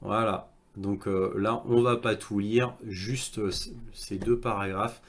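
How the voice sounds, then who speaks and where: Man giving halting news commentary. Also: fairly low pitch, steady tone. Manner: halting, many hesitations while reading quotes aloud. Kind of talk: commentary over video clips and read-out articles.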